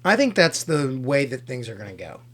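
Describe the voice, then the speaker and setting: A man's voice: mid-range voice, very animated, normal speed, a bit bright. A man co-hosting a casual review podcast, mostly adding short agreeing remarks. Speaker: podcast co-host.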